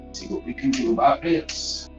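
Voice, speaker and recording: Speaking at normal speed in a mid-range voice, a man chats casually on a live stream, rambling, swearing, mocking himself and often muttering under his breath. He's recorded from a distance through a phone used as a wireless webcam mic, with a boxy speakerphone sound as though inside a box, and faint music plays in the background.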